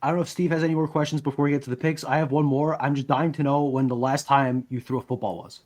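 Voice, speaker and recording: Quick teasing young co-host man. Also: a little high, level tone, a little mellow. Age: 20s. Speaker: podcast co-host. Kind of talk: casual podcast chat.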